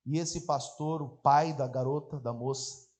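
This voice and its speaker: Dramatic Brazilian preacher telling a story. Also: male voice, on the high side, fairly even intonation, measured pace. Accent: Brazilian Portuguese. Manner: dramatic, swings between hushed and shouting. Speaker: pastor. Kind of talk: sermon storytelling.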